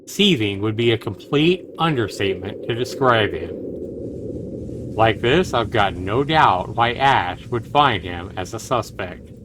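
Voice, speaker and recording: With a fairly low voice, lively intonation and an unhurried delivery, a man on a livestream narrates game text like a dramatic storyteller, adding casual asides. Clear background noise runs under the stream.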